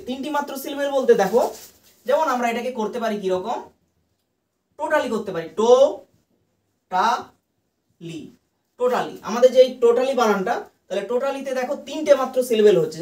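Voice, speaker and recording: Echoey distant woman teaching English. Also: on the high side. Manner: patient, spells words out letter by letter; asks and answers her own questions. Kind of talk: explaining a lesson to students. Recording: echoey room from far off.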